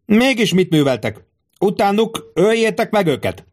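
A man voicing an arrogant Roman tribune who barks orders in a raised, shouting voice. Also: high voice, very animated, voice pushed up. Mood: enraged commanding. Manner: shouting, commanding. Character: furious arrogant male Roman tribune officer.

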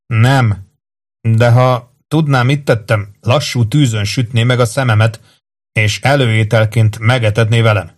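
A man voicing a gruff, sarcastic male archer in an audiobook, with a dry delivery. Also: medium pitch, steady tone, close to an everyday voice. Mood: dry, irritated.

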